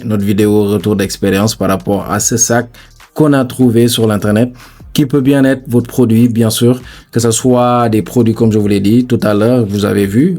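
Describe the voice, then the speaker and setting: A man hosting a screen-recorded software tutorial, talking chattily to viewers and filling his steps with stock phrases. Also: fairly low pitch. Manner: chatty, repeats "bien sûr", addresses viewers as "les gars". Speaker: tutorial host.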